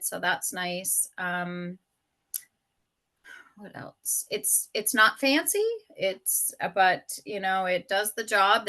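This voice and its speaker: A woman co-organizing a fan trip, giving casual updates on a video call. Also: medium pitch. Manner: relaxed, loose with fillers. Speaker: event co-organizer.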